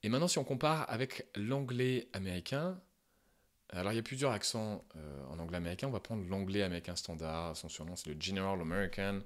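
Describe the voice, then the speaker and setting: A man with a fairly low voice gives a relaxed spoken lesson on pronunciation. He thinks aloud as he goes, with small hesitations, and stops now and then to demonstrate a vowel sound himself. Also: fairly quick. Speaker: English teacher.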